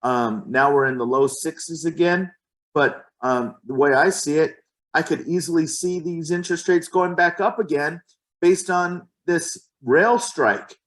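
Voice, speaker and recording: A man speaking in a fairly high voice, talking with passion in a casual podcast chat. He is emphatic and restarts his phrases as he builds to his point. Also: unhurried. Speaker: real estate agent.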